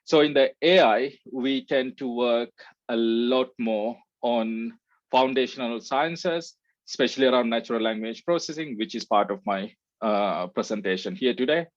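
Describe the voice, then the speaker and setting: A research scientist from Sri Lanka gives a conference presentation in a relaxed manner, peppered with frequent "uh" fillers. His voice is medium-pitched and normal in speed. The recording is lo-fi with no room sound.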